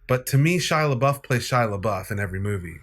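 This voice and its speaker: A man speaks in a plain, mid-pitched voice as a film podcast co-host. He states his views directly and candidly, like someone used to arguing about movies with friends. His delivery is conversational and unpolished. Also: expressive, fast talker, a bit bright. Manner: frank, opinionated, direct. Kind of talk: casual film discussion.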